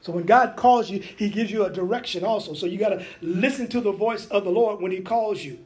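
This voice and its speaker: A man's voice: high voice, a little fast, a little mellow. A man preaching a sermon, peppering it with amens and hallelujahs, folksy asides and acted-out biblical dialogue. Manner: acts out biblical dialogue in changing voices.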